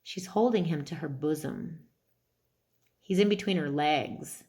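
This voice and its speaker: A woman's voice: sits low, measured pace, darkish tone. A woman giving a casual, intimate tarot reading to viewers in an informal, effusive way, with mild swearing. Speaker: tarot card reader.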